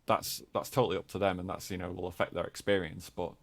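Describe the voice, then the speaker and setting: Man, very deep voice, monotone, developer walking through footage, hesitant. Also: fast. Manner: hesitant, full of hedging fillers. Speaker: game developer. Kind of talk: explaining footage to hosts.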